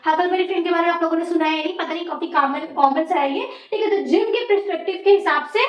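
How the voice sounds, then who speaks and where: Casting note: young Indian woman, very high voice, loud exam-coaching teacher, echoey room, heard from far off. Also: fast, highs cut off. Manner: talks loudly over background noise, many "theek hai" checks. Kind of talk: exam-prep class lecture. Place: teaching room near construction work.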